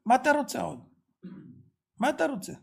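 Gravelly, husky man preaching fervently. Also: very high voice, very animated. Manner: fervent, rhetorical questions, sudden shouted bursts. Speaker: religious teacher. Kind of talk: Torah sermon.

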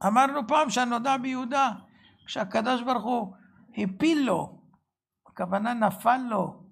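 Fervent religious teacher, male, gravelly voice, keeps asking the listener questions and suddenly raises his voice. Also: very high-pitched. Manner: fervent, rhetorical questions, sudden shouted bursts. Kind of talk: Torah sermon.

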